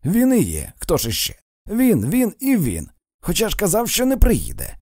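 A man's voice: medium pitch, wildly swooping pitch, normal speed, darkish tone, dry recording, studio quality. A man voicing a meek young husband who talks earnestly and stammers. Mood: exasperated.

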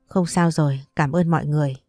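Lady reading a young guy, blunt and protective, low warm tone. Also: fairly even intonation, fast talker, no room sound, clean studio sound, faint music behind, lightly acted. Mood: reassuring. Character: young man, protective and sharp-tongued.

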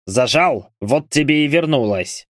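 Man doing a loud teasing soldier prankster. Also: mid-range voice, animated, a little slow, no echo, studio quality, close to an everyday voice. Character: joking male soldier, the unit's loud prankster.

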